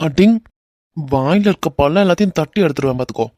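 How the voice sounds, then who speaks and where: A man voicing a young husband in an animated romance, earnest and bantering in a Kanyakumari Tamil accent. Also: fairly high pitch, quick pace, no room sound, studio quality, close to an everyday voice. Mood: playful banter.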